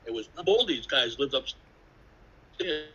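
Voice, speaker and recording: Older new guy on a video call, husky and bright, tells loose street stories and swears a lot. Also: medium pitch, lively intonation, takes it slowly, low-quality recording. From New York City. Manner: swearing, laughing, jumps between stories. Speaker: interviewee, graffiti artist. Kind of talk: rambling casual storytelling. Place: indoors at an artist residence.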